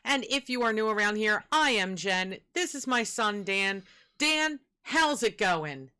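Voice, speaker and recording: Bright-voiced middle-aged woman hosting a podcast. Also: mid-range voice, animated, a little slow, clean tone. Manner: laughing, trying to keep things on track. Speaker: podcast co-host. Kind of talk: casual chat.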